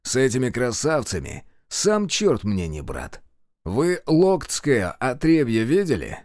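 A man's voice: medium pitch, wildly swooping pitch, slow, a little mellow, no echo, studio quality. A man voicing a blunt, stubborn male partisan commander in an audiobook. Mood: stern. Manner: blunt, gruff.

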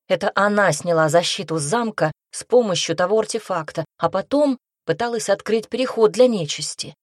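A woman's voice: medium pitch, moderate pace, no echo, clean studio sound, natural voice. A woman voicing an outspoken young heroine. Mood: indignant. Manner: emphatic, exclaiming.

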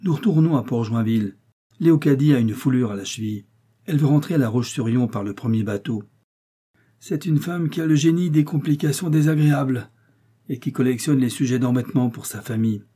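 A man's voice: mid-range voice, a little fast, warm tone, slightly rough, lightly acted. A man reading aloud, voicing a grumbling middle-aged male pharmacist who blusters and exclaims.

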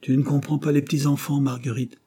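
A man voicing a calm, dignified young mother. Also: medium pitch, brisk, breathy edge, voice pushed up, natural voice. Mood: gentle. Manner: composed, gently firm.

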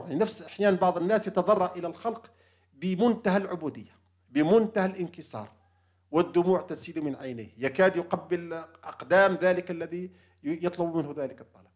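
A man delivers a spiritual lecture on humility before God at a quick clip. His voice sits a little high for a man, and he speaks earnestly and unscripted, often restarting his phrases and filling pauses. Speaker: religious lecturer.

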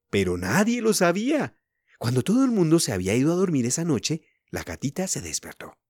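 A man from reading a children's story aloud in an expressive way, speaking to young listeners. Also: medium pitch, dry recording, clean studio sound.

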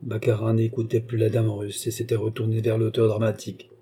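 A man narrating a classic French novel in a measured storytelling manner. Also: lowish voice, completely flat delivery, mellow, breathy edge. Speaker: audiobook reader. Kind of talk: scripted narration.

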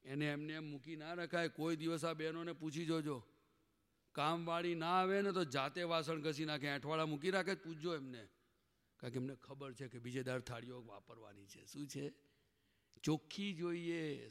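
A man delivers a spiritual sermon to a gathering, frequently questioning the audience and pushing them to respond. As a spiritual teacher, he has a slightly high, clean-toned voice, heard through long hall reverb.

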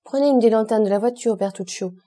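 A woman's voice: on the high side, fast talker, mellow, lightly acted. A woman reading the part of a commanding aristocratic count in an audiobook, imperious, dry and mocking toward his servant. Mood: cool commanding. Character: commanding aristocratic male count, cool and ironic.

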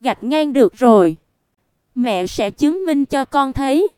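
A woman reading the part of a tearful middle-aged mother in a storybook, in a soft, pleading way. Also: high voice, animated, a little slow, smooth, dry recording, studio quality. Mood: fearful.

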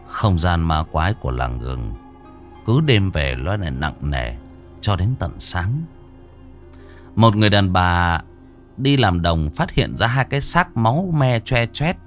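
A man's voice: on the low side, sing-song, a little slow, soft background music. A man narrating a horror story in a vivid, theatrical, gory way.

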